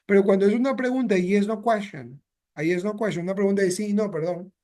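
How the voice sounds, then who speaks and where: High-voiced bilingual English teacher. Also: male voice, fairly quick, dark tone. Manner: mixes English and Spanish, repeats phrases with "¿ya?" and "¿ok?". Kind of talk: bilingual classroom explanation.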